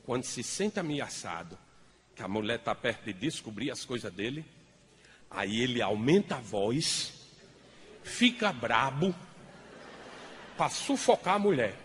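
Animated storyteller man. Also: mid-range voice, unhurried, pauses often, in a large hall, slight background noise. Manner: animated, teasing the audience. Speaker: comedian. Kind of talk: stand-up storytelling.

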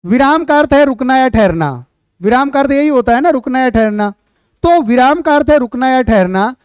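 High-voiced man teaching a Hindi class. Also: lively intonation, moderate pace, clean tone, no echo, clean studio sound. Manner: explains then repeats questions back to students; chatty asides addressing viewers as "beta". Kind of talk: online exam-prep class.

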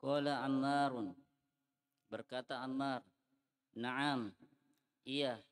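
Flat, clear-voiced man reading haltingly. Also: mid-range voice, in a large hall. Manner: halting, sounds out words slowly. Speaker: student reading aloud. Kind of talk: reading a text and translating in class.

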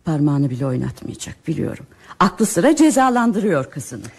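A woman's voice: sits low, sing-song, vocal fry, a little mellow, breathy edge, full character voice. An actress playing a worried, talkative mother in a radio drama, chatty and emotional. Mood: bitter. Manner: chatty and emotional, quick to fret and scold.

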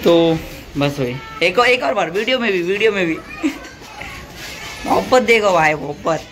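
A man, vlogging casually to his viewers in an excitable, chatty way with frequent laughter. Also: high voice, unhurried, music in the background. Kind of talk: casual vlog narration to viewers.

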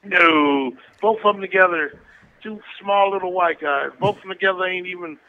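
A man's voice: sits high, normal speed. A man in his sixties calling in on a prison phone line, chatting casually with a loose, crude way of telling stories. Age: 60s. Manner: loose, crude storytelling with frequent chuckles. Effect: heard over a prison phone line. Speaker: inmate calling into a podcast. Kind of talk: casual chat.

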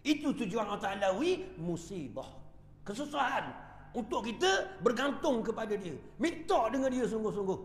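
A man's voice: high-pitched, big pitch swings, normal speed. A man with a Terengganu Malay accent giving an evening lecture in a prayer hall, telling funny stories with chuckles and asking the crowd "right?". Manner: humorous storytelling with chuckles and call-outs. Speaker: preacher. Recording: echoey hall.

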